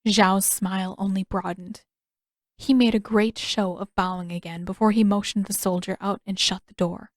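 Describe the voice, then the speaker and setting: A woman reading her own fan fiction aloud in a measured, expressive storytelling manner. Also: mid-range voice, no echo, clean studio sound. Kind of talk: fan audiobook narration.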